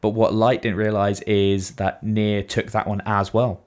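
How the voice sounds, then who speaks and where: A man's voice: on the low side, flat delivery, a little slow, darkish tone. A man co-hosting a casual podcast, retelling events animatedly and swearing freely. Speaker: podcast co-host. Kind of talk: casual chat.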